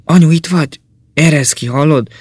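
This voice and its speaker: A man voicing a stubborn, honest young boy who talks haltingly in an audiobook. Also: on the high side, slightly rough, no room sound, pitched above the performer's own voice. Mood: pleading. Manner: hesitant, pleading.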